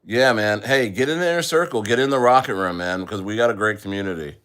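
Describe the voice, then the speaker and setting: Male livestream host, slightly low voice, loose rambling chat, lots of "you know what I mean". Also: fast, a bit bright, smooth. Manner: rambling, full of fillers, talks to viewers.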